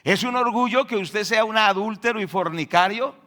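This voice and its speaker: A man preaching a sermon in church, firing rhetorical questions at the congregation and swinging between loud and hushed delivery. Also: high voice, normal speed. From Colombia. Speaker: pastor.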